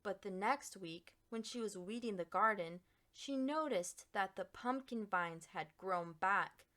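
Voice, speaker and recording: With a medium-pitched voice, a woman reads a children's picture book aloud. She performs as an expressive storyteller, giving her lines dramatic, deliberate emphasis.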